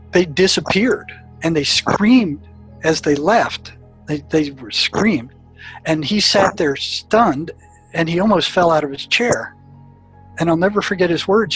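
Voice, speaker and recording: A man's voice: fairly high pitch, low-quality recording. A man who worked as a therapist at a prison tells stories of past patients, often stumbling, repeating words and restarting. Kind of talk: storytelling recollection.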